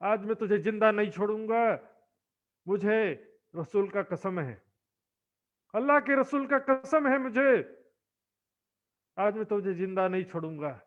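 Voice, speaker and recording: A man voicing a proud, furious Pathan man who shouts threats, in a dull lo-fi recording. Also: sits high, measured pace, pauses often. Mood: vowing revenge.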